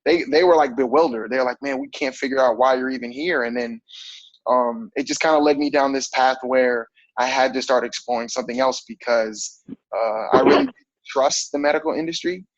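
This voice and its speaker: A man's voice: medium pitch, fairly quick, no room sound, dull audio. Man in his thirties, easygoing and rambly. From grew up on military bases overseas. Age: 30s. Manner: relaxed, rambling, frequent fillers and laughs. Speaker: fitness coach. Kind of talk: casual interview.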